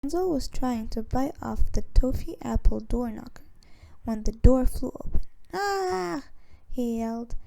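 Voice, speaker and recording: Expressieve vertelster met krakende stem. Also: female voice, fairly high pitch, moderate pace, creaky. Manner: expressive, half-whispered in places. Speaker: narrator. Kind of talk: storybook narration.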